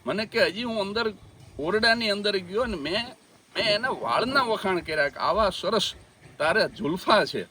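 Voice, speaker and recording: A man's voice: high-pitched, creaky, sharp tone, a little hiss or hum. A man with a Gujarati accent doing stand-up, telling funny stories in a chatty way and talking to the audience as friends. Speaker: stand-up comedian. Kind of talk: Gujarati folk stand-up storytelling.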